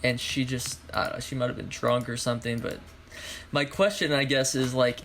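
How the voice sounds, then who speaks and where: A man's voice: mid-range voice, fairly quick, vocal fry, slight background noise. A young man co-hosting a sports podcast, talking casually and hesitantly with lots of fillers. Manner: relaxed, hesitant, many fillers and likes. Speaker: podcast co-host. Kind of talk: casual chat.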